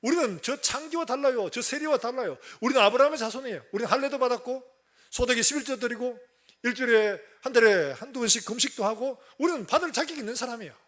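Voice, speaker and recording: Proud, sneering male religious elders brag about their own worth, as a preacher puts them on. The voice rides high above normal speech, with a lofty, mocking tone. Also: fast talker, fairly bright tone. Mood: smug. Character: smug self-righteous religious elders, male.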